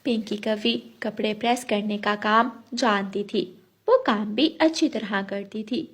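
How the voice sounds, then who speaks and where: A woman narrating a children's cartoon story in a calm, even storytelling manner. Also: medium pitch, measured pace, husky.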